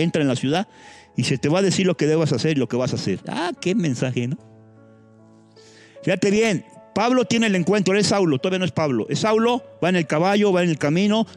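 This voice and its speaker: A man preaching a sermon as a pastor, animated, with sudden leaps in pitch, thinking aloud with restarts and asides.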